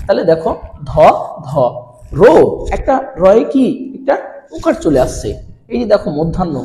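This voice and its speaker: A man's voice: sits high, warm tone. A male teacher giving a pronunciation lesson to students, asking questions and repeating each answer as a drill. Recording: roomy with long reverb.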